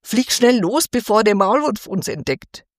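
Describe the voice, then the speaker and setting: A woman voicing a tiny, high-pitched storybook girl. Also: big pitch swings, unhurried, no echo, studio quality, far from the mic. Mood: eager. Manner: high, pleading and bright. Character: tiny, gentle girl, small as a thumb.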